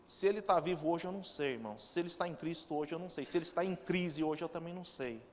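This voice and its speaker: A man's voice: fairly high pitch, fast talker, slight background noise. A male pastor giving a sermon in a church, telling stories with quoted dialogue. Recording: long reverb of a church hall.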